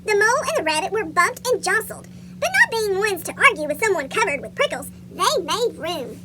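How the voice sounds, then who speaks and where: A tiny chipmunk tells a children's storybook in a squeaky cartoon voice. It is extremely high and swoops up and down with animation. Loud noise runs through the recording. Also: very animated, fairly quick. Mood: chirpy storytelling. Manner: asks young listeners questions. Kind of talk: read-aloud picture book storytelling.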